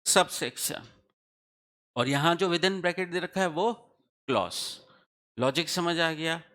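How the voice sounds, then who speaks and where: A man's voice: a little high, animated, slow pace, bright, forceful tone. A man teaching a tax law class, explaining step by step and often asking his students questions to check they follow. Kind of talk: classroom lecture.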